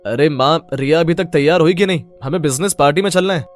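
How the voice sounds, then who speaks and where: A man voicing a young businessman husband in an animated story, speaking earnestly and plainly. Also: on the high side, fast, soft background music, close to an everyday voice. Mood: eager.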